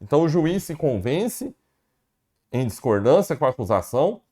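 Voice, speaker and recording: A man's voice: a little high, big pitch swings, moderate pace, mellow. A man with a Brazilian Portuguese accent lecturing on law for exam prep, repeating key definitions and asking and answering his own questions. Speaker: law professor.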